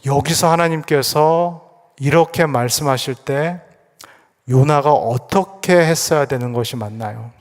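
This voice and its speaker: A male pastor preaching a sermon, asking rhetorical questions and repeating phrases for emphasis. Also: a little high. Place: church sanctuary. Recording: echoey church hall.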